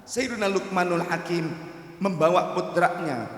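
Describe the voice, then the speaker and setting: High-voiced male preacher in an echoey hall. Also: a little slow. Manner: animated storyteller, rhetorical questions. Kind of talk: sermon storytelling.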